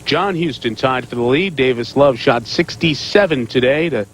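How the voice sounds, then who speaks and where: A man's voice: medium pitch, lively intonation, moderate pace, slight background noise. A man anchoring televised golf commentary, reading out scores and standings. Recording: music behind broadcast commentary.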